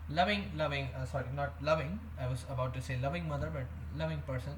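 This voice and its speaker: A young man from India vlogs quickly in a fairly high voice, hesitating often as he confesses to the camera with many fillers and restarts. Faint hum and echo come from the room around him.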